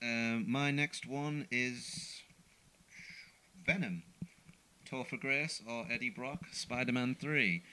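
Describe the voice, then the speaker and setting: A man's voice: medium pitch, slow pace, pauses often, pushed and bright, smooth, rough recording. A man co-hosting a casual podcast chat, chatty and stumbling over his words. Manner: chatty, laughs along, repeats words. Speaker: podcast co-host.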